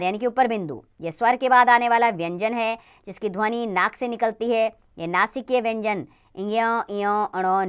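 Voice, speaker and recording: A woman teaching a grammar lesson to children, spelling out sounds slowly and deliberately. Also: medium pitch, smooth.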